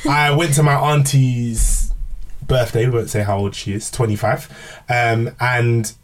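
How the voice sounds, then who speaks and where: A man's voice: medium pitch, steady tone, unhurried, far from the mic, noisy background. A man co-hosting a podcast, telling stories in a laid-back way full of slang. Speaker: podcast co-host. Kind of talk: casual podcast discussion.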